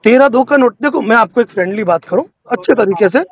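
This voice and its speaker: This man plays a lawyer advising on a loan default over the phone, pressing his case insistently and repeatedly asking the listener to hear him out. He talks fast in a very high, expressive voice with vocal fry, and the call recording is dull and lo-fi.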